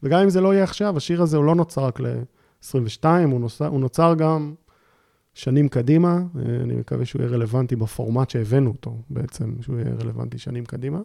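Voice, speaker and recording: A man speaking as a podcast guest, explaining a volunteer memorial project in a halting, searching way with frequent pauses. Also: medium pitch, gravelly, warm tone, no room sound, clean studio sound. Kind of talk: casual conversation.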